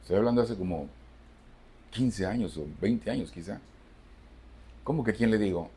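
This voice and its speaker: A man's voice: fairly low pitch, moderate pace, mellow. A man from Cuba, a pastor preaching a sermon to his congregation and stressing points through repetition. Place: church service.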